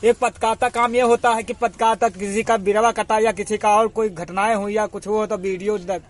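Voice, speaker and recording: High-voiced male village reporter outdoors. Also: little pitch movement, fairly quick. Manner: chatty, repeats fillers like 'achha, achha'. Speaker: community radio reporter. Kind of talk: field interview.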